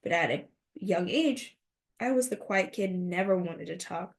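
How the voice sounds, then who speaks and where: A woman in her thirties from the United States, whose first language is Mandarin, hosts a motivational podcast. Her lowish voice is unhurried and earnest, and she asks rhetorical questions.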